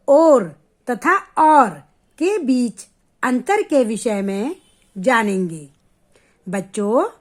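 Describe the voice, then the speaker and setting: A woman teaching children a grammar lesson, explaining slowly and stretching out sounds to show how they are spoken. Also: sits high.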